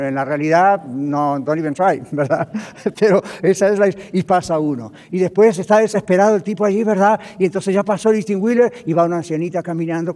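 Spanish-speaking pastor guy preaching, kinda high voice, big hall echo, drops english phrases in. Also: warm tone. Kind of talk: sermon.

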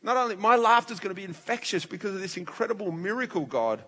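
A man voicing Sarah, a joyful old woman amazed at her new baby, speaking in a raised, excited voice in an echoing hall. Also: high voice, fast talker, voice pushed up. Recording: long hall reverb.

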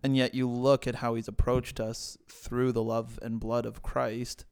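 Gravelly-voiced man reflecting gently. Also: medium pitch, little pitch movement, measured pace, dry recording. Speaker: podcast co-host. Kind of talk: casual faith discussion.

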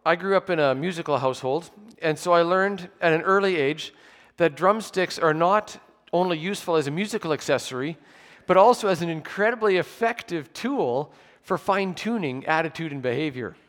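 A man in his forties preaching a measured, explanatory sermon at a pulpit microphone in a church, with touches of dry humour. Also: on the high side, animated, a bit bright. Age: 40s. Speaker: pastor. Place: church sanctuary with pews. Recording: long church hall reverb.

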